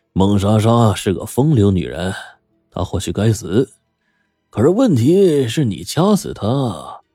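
A male storyteller voicing a sly, grinning middle-aged blackmailer who talks in a smug, mocking, drawn-out way. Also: lowish voice, warm tone, slightly rough, dry recording, clean studio sound, heavily acted.

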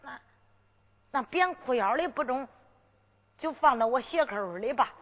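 A cheeky young village girl, as a woman performer plays her in Henan zhuizi storytelling, speaking slowly and high in a Henan accent with hesitant, drawn-out interjections. The recording is dull and lo-fi, with a long hall reverb and faint music. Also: animated. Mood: cheeky, coaxing.

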